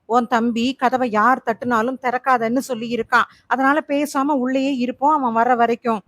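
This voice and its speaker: A woman voicing a caring middle-aged mother in an audiobook thriller, speaking softly and with concern. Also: on the high side, steady tone, normal speed, no room sound, close to an everyday voice. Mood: worried. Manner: soft, concerned.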